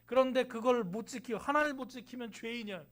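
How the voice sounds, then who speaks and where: A man's voice: very high-pitched, fast talker, fairly bright tone. A male pastor delivering a conversational sermon, asking the congregation rhetorical questions and acting out quoted lines. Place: church sanctuary.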